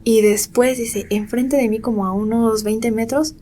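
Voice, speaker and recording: A woman's voice: a little high, a little slow, a little hiss or hum. Young Mexican woman telling a spooky tale. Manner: animated retelling, peppered with reported speech. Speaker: podcast co-host. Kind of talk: casual storytelling chat.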